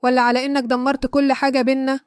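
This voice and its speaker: A woman's voice: sits high, flat delivery, very fast, smooth, dry recording, clean studio sound, close to an everyday voice. Jealous lover, read by a woman in Egyptian Arabic. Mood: angry. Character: jealous furious young male lover.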